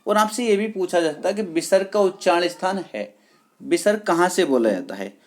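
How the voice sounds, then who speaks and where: A teacher giving an online exam-prep lesson, repeating key words slowly and checking with the class whether it is clear. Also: mid-range voice, animated. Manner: addresses viewers as friends, patient and repetitive.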